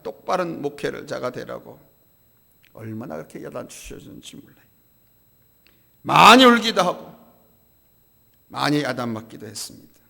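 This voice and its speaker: A middle-aged man preaching a sermon as pastor, emphatic, with sharp swings from hushed asides to loud, stressed phrases. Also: fairly high pitch, creaky, big-room sound. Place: church sanctuary.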